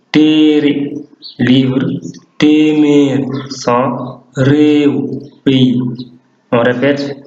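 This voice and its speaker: A man teaching a language lesson, drawing out each word for pronunciation drills. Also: a little mellow. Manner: drawn-out, drilled pronunciation of words. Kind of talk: slow, deliberate language lesson. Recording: echoey room, dull low-fi sound.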